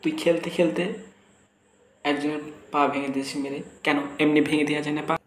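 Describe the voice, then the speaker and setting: A man playing a cheeky father in a comic sketch, twisting everything said to him with deadpan wordplay. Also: on the high side, a little fast, a little hiss or hum. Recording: echoey room with faint ambience.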